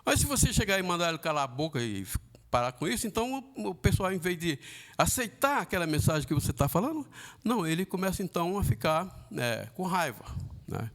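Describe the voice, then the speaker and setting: A man with a Brazilian Portuguese accent teaching a church Bible lesson, talking haltingly with many fillers and tag questions, and acting out the voices he quotes. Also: high voice, very animated, fairly bright tone. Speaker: Sunday school teacher.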